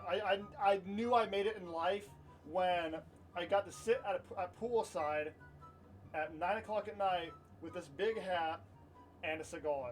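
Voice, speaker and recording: A man with a voice that sits high tells a personal story to camera in a casual, rambling way, repeating himself and swearing now and then. The recording is low quality with a distant mic, and light music plays in the background.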